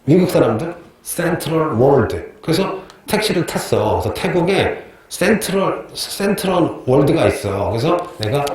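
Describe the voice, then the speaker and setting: A man's voice: on the high side, big pitch swings, normal speed, few pauses, darkish tone. A man teaching a history class, asking questions and answering them himself, repeating key terms and telling joking stories. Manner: chatty, tells joking anecdotes. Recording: very echoey classroom with faint noise.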